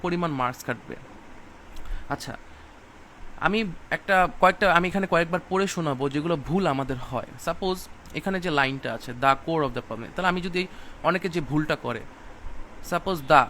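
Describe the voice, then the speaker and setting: A man's voice: fairly high pitch, normal speed, long pauses, bright, forceful tone, slight background noise. A man giving a recorded PTE class, explaining step by step and repeating key points, with English terms mixed into his speech. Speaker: PTE exam teacher.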